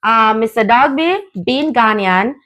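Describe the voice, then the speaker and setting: A woman from Jamaica hosts a casual conversation in a Jamaican accent. She talks in a relaxed, chatty way and fills pauses with ums. Her voice sits a little high. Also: low-quality recording. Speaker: host.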